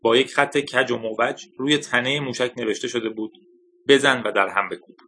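A weary old male scientist in an audiobook recalls the past calmly and thoughtfully, as a male narrator reads him. The voice is bright and clear. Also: medium pitch. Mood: reflective. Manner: thoughtful, reflective. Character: weary older male scientist, gentle and resigned.

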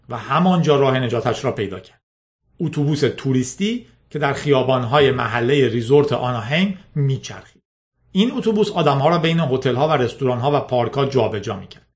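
A man narrating a story aloud in a steady, measured reading. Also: mid-range voice. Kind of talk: scripted audiobook narration.

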